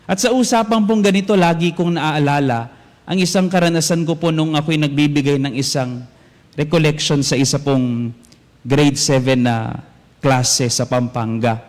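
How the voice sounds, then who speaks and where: A young adult male priest giving an animated homily, telling a story and switching between languages as he acts out what people said. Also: a little high, normal speed. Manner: animated, mixes languages, acts out quoted voices. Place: large church. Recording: echoey church with long reverb.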